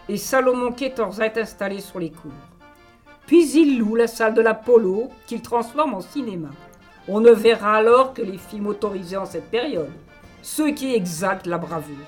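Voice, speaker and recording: A woman's voice: medium pitch, darkish tone. Woman narrating over music. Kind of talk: scripted dramatic radio narration.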